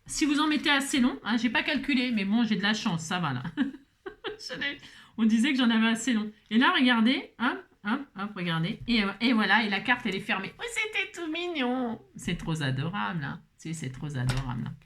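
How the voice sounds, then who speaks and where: A woman's voice: medium pitch, lively intonation, a little fast, a bit bright. A woman chatting playfully through a card-making tutorial, joking at herself with teasing asides. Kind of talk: crafting tutorial chat.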